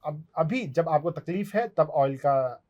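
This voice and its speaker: A man's voice: on the high side, lively intonation, unhurried, darkish tone, highs cut off. This is a man, explaining acupressure points patiently and step by step. He speaks as an expert answering a viewer's question. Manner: instructive, step-by-step, demonstrates on his hand. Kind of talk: explanatory health Q&A.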